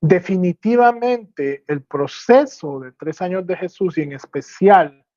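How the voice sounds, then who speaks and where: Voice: mid-range voice, unhurried, mellow, no room sound. A Bible teacher giving a teaching sermon, explaining step by step and checking with rhetorical questions whether listeners follow. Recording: dull lo-fi dry sound.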